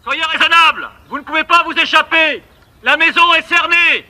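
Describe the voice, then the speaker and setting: An actor playing a police officer who calls out formal, commanding orders through a megaphone to a hostage-taker. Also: male voice, very high-pitched, moderate pace, bright, forceful tone, full character voice. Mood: stern.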